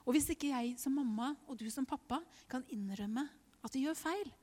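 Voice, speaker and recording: A woman's voice: high voice, a little mellow. A middle-aged woman preaching a personal testimony, emotional, laughing through tears and dropping to whispers. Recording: hall reverb.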